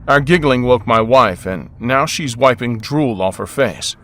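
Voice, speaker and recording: A man's voice: medium pitch, lively intonation, unhurried, fairly bright tone, soft background music. A young man narrating a first-person story as a harried father, with a wry, exasperated, joking manner.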